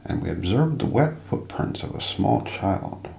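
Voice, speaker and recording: A deep male voice thick with vocal fry narrates mysteries in hushed ASMR fashion, hosting a role play. He goes slowly and deliberately, with a sing-song quality, building suspense. The room sounds spacious, with light background noise.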